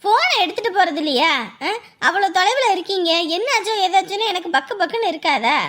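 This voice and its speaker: Woman playing a worried wife, scolding, shrill high voice. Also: lively intonation, fast talker, a bit bright. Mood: anxious scolding. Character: anxious, nagging wife on the phone. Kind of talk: family drama acting.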